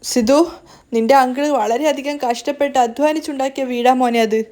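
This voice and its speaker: A remorseful older grandmother, pleading and lamenting her mistake, read by a woman in her own voice. The tone stays fairly high and plain, as in a spoken story recap. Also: fairly even intonation, fairly quick, mellow, close to an everyday voice. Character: remorseful older grandmother, tearful and self-blaming.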